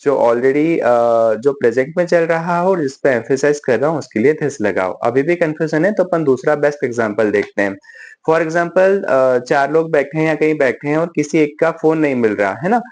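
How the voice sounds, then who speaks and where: A man with an Indian accent giving a casual spoken-English lesson in Hindi. He slows right down to model English sentences and keeps checking in with his learners. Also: on the high side, animated, a little mellow. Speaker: English vocabulary teacher.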